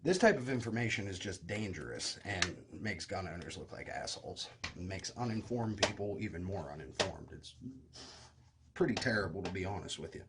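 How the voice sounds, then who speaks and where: A middle-aged man with a slow rustic drawl, giving blunt, sarcastic, sweary firearms commentary. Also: low-pitched, animated. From West Virginia, United States. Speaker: reaction video host. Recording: loud noise with clicks.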